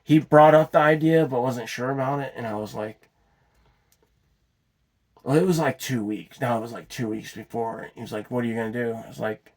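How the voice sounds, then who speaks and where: A man's voice: medium pitch, steady tone, normal speed. A man telling a long personal story off the cuff, rambling, restarting and swearing as he goes. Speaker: vlogger telling his story.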